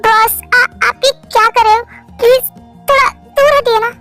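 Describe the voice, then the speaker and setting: A woman's voice: extremely high pitch, fairly even intonation, normal speed, sharp tone, faint music behind. A woman voicing a shy, flustered young woman employee who stammers. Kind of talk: Hindi fan-story voice acting.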